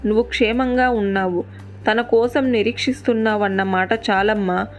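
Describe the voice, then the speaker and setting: A woman's voice: medium pitch, fairly even intonation, normal speed, faint music behind, close to an everyday voice. A woman narrator voicing a mighty, devoted male monkey hero, speaking in an earnest, reassuring way.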